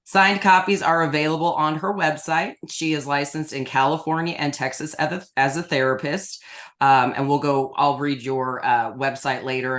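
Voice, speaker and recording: A woman hosting an interview, reading her guest's introduction from a script in a friendly way. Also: extremely low pitch. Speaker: podcast host.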